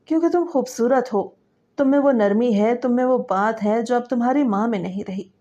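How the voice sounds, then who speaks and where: A woman's voice: fairly high pitch, dull audio, lightly acted. A woman voicing a menacing, coaxing stepfather. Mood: leering. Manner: soft coaxing voice that turns to threats. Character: menacing middle-aged stepfather, predatory and coaxing. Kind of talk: dramatic story reading.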